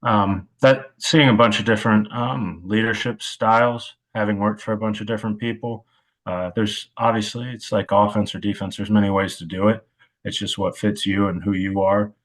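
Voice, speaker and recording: A man in his thirties, a football coach and podcast guest, speaking reflectively and haltingly with many filler sounds. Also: fairly low pitch, fairly even intonation. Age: 30s. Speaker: wide receivers coach. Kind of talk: podcast interview.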